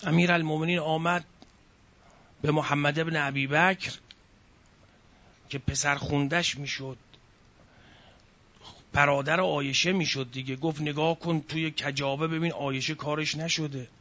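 A man's voice: a little high, fairly even intonation, long pauses, sharp tone. A man preaching a sermon, telling a religious story with feeling, sighing and crying out between the lines. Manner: emotive storytelling, sighs and cries out. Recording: dull lo-fi recording.

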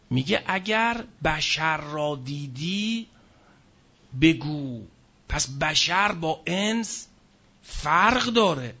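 A man preaching a scripture lecture. He recites verses slowly, then explains them in plain speech and asks the audience questions that he answers himself. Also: on the high side, expressive, bright, forceful tone, husky, lo-fi sound. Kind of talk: Quranic exegesis lecture.

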